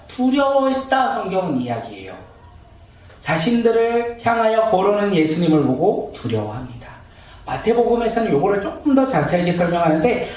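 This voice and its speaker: In an echoey church sanctuary, a man with a high, somewhat mellow voice preaches as pastor, posing rhetorical questions and guiding the congregation through reading aloud. The sermon is picked up by a far-off mic, with faint background noise.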